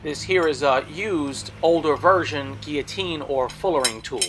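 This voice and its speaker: A man's voice: fairly high pitch, normal speed, a bit bright, slight background noise. A man narrating a product showcase as a video host, explaining details in a matter-of-fact way. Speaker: blacksmith video host selling tools.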